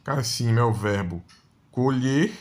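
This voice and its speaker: Slow-talking male grammar teacher. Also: medium pitch, lively intonation. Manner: explains slowly with frequent "né?" checks. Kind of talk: exam-prep grammar lesson.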